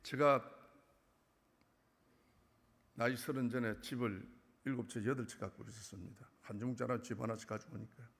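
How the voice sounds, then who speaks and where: Man giving tearful testimony, gravelly, in hall. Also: mid-range voice. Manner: tearful pleading, swings from hushed to loud. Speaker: testimony speaker. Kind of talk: emotional church testimony. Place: church sanctuary. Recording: church hall reverb.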